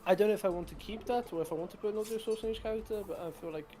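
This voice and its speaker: A man's voice: high-pitched, very fast, warm tone. A young man co-hosting a casual game-development chat on a call, rambling and self-deprecating with many restarts. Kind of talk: casual chat over gameplay.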